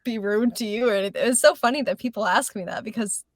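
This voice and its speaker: A young woman, a guest on a talk show, chatting in a relaxed way with many fillers and giggles. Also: on the high side, quick pace, no room sound, clean studio sound. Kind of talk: casual chat.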